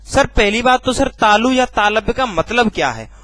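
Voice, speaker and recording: A man with a high voice teaching a class in a dry, close-miked sound. He keeps asking his listeners questions and then answering them himself, repeating key terms slowly. He addresses his listeners casually as brother and sir. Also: lively intonation, fairly bright tone, no echo. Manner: calls listeners bhai and sir colloquially. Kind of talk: recorded classroom lesson.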